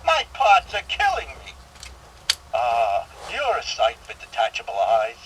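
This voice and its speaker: A man's voice: medium pitch, wildly swooping pitch, a little slow, fairly bright tone. A man voicing a grumpy, sarcastic male toy potato man, played through a noisy tinny toy speaker. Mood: grumbling. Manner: sarcastic and gruff.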